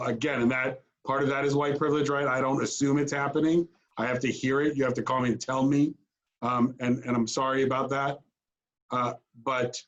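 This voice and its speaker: A man speaking earnestly as a talent agent in a town hall on a video call, often restarting his sentences. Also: mid-range voice. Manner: earnest, halting, many restarts. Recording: dull lo-fi video call audio.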